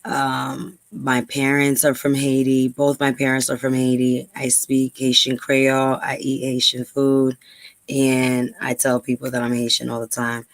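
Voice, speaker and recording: A woman's voice: a bass voice, completely flat delivery, unhurried, no room sound. Dry-voiced New woman talking. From New York, USA. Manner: conversational, frequent ums, speeds up when stressing points. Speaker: podcast host. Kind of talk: casual commentary and reading aloud.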